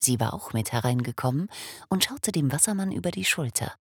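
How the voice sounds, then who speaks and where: A woman reading a children's story aloud, expressive and animated, sometimes dropping to a whisper. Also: extremely low pitch, a little fast, breathy edge, dry recording, studio quality.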